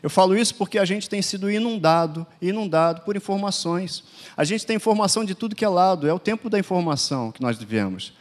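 A man's voice: high-pitched, animated, fast talker. A man with a Brazilian Portuguese accent preaching a sermon, stressing his points with emphatic, repeated declarations. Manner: emphatic, repetitive declarations that swell louder.

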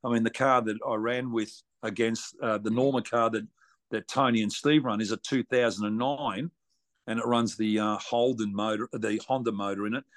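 A man's voice: lowish voice, fairly even intonation, normal speed, no echo. An Australian man chatting casually as a racing driver being interviewed, blunt and joking, with plenty of slang. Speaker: racing driver, podcast guest.

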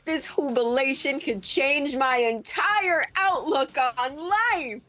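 A woman reading the Grinch, a grouchy, scheming male creature, in a comedic table read, sneering and jumping between mutters and shouts. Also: sits high, slow pace, voice pushed up, heavily acted. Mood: gleeful scheming.

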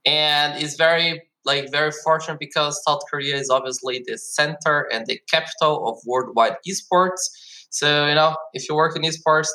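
A Brazilian esports marketing executive guests on an interview podcast with a mid-range, pushed and bright voice over poor audio. He answers casually and upbeat, leaning heavily on "like" and "uh" as fillers.

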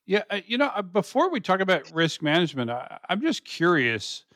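A man's voice: high voice, sing-song, brisk, fairly bright tone, no room sound, studio quality. A man born and raised in the United States hosting an interview, asking curious questions in a chatty way with frequent "you know". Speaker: interview host. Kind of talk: casual interview conversation.

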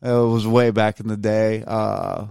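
A slightly tipsy man telling a rambling story on a podcast, in a lowish voice that stays smooth and resonant. The sound is dry and close, with no room around it. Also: level tone, a little slow, darkish tone, no room sound. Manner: rambling storyteller, self-mocking, restarts words. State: tipsy from drinking. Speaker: podcast co-host. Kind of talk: casual chat.

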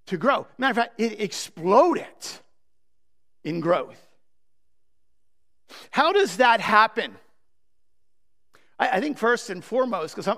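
A man preaching a sermon as pastor, emphatic and posing rhetorical questions to the congregation, often drawing phrases out slowly. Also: high voice, pushed and bright. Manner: emphatic, with slow drawn-out phrases. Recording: long reverb of a large hall.

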